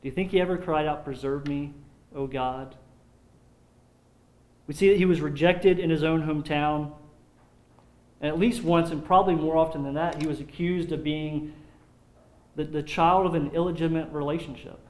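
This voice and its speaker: A man preaching a sermon in an earnest, measured way, sometimes repeating words as he restarts a phrase. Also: a little high, steady tone. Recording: echoey room.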